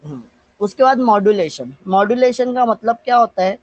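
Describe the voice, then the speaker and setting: With an animated, high-sitting voice, an Indian physics teacher with an Indian accent runs a live online class. He raises questions and answers them, slows to dictate definitions in English, and calls students by name. The audio is dry and muffled.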